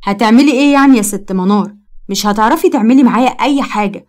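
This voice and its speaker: Fast-talking, defiant young student girl with an Egyptian accent, mocking and dismissive, voice sits a bit high, as a female reader puts her on. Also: a little mellow, natural voice. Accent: Egyptian Arabic.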